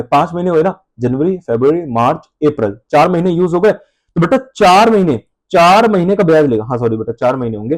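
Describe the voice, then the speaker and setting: A man with a high, darkish voice gives a conversational accounts lecture in a Hindi classroom. He calls his students "beta" and answers for them in his own voice, frequently correcting himself and repeating important terms.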